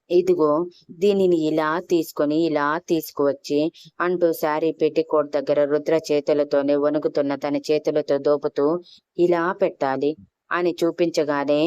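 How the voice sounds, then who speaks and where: Low, smooth-voiced woman storyteller. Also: dark tone, no room sound. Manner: reads all characters' lines with light changes of tone. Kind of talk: scripted narration of a romance story.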